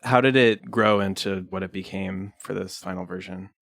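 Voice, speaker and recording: Male interviewer, very low voice, dry close studio sound, short prompting questions. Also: steady tone, moderate pace, creaky, fairly bright tone, dry recording. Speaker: radio interviewer.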